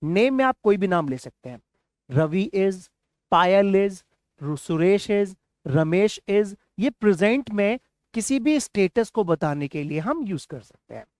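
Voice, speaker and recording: A man's voice: high-pitched, lively intonation, measured pace, a little mellow, dry recording, clean studio sound. A man from India teaching a spoken English lesson. He patiently drills short words and has the class repeat them, with encouraging praise between drills.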